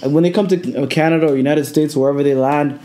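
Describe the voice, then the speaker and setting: A man's voice: on the high side, fairly even intonation, fast, warm tone, slight background noise. A man on a podcast panel giving earnest advice in casual talk, full of fillers.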